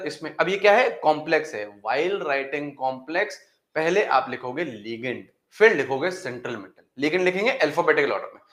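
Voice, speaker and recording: A man with a fairly bright, high-pitched voice teaches chemistry in a classroom. Calling his students "beta," he asks them questions, repeats what they answer, and drills the key steps one at a time, repeating important words.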